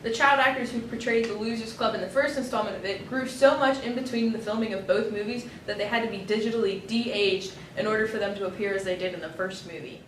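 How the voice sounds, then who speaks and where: A woman's voice: medium pitch, quick pace, few pauses. A teenage female student reading a scripted movie review for school announcements. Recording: echoey, distant mic, noisy.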